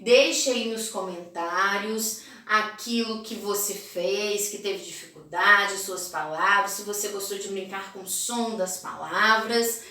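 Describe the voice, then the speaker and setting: Slow, bright-voiced woman teacher in echoey room. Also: mid-range voice. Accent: Brazilian Portuguese. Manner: slow, stretched-out word pronunciation. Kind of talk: video lesson correcting phonics homework. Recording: echoey room, voice a bit far from mic.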